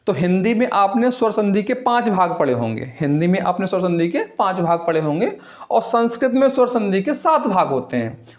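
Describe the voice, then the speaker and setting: High-voiced Hindi teacher drilling vowels. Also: male voice. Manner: asks the class questions and answers them himself; draws vowels out slowly when naming them. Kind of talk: classroom lecture.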